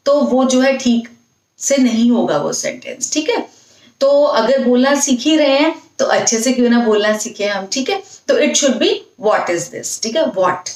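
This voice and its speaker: Brief: higher-voiced woman, patient lesson host, repeats points, recorded at a distance in an echoey room. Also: lively intonation, a little slow, darkish tone. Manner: patient, repetitive explaining. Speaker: English teacher. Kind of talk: casual spoken-English lesson. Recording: echoey room, mic set far off.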